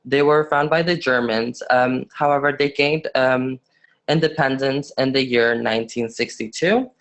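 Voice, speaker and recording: A man's voice: mid-range voice, steady tone, a bit bright. Young man presenting with lots of ums. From Afghanistan. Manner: halting, many fillers and restarts. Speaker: student presenter. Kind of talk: webinar presentation.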